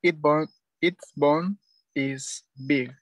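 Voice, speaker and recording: Hesitant student reading very slowly. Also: medium pitch, steady tone. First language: Spanish. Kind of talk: reading examples aloud in class.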